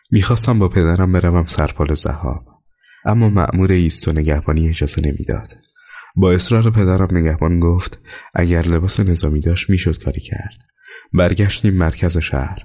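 A man reading wartime memoirs aloud as an audiobook narrator, measured and even, slowing down for each chapter heading. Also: sits low, slightly rough.

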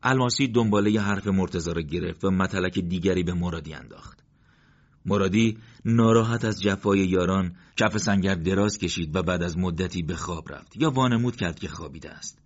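A man narrating a war story in a steady, even reading style, on a dull lo-fi recording. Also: sits low. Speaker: audiobook narrator. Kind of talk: scripted narration.

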